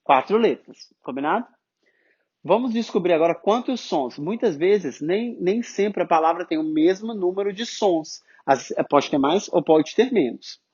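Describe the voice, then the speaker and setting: A man with a Brazilian Portuguese accent teaching English pronunciation, explaining step by step and drawing out sounds slowly to demonstrate them. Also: sits high, expressive, darkish tone, slightly rough, lo-fi sound. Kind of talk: online phonetics lesson.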